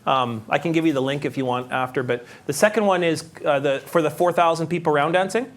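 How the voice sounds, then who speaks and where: A man giving a public talk, chatty and animated, asking his audience questions as he tells a story. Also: on the high side, brisk. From Canada. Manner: conversational, asks the audience, animated when telling stories. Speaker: guest speaker. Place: conference hall.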